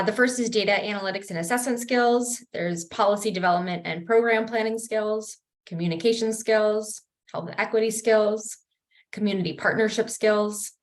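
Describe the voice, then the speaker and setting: Woman presenting slides on a call. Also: mid-range voice. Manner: brisk, organized presenting with fillers. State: morning voice. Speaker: project coordinator. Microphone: video call.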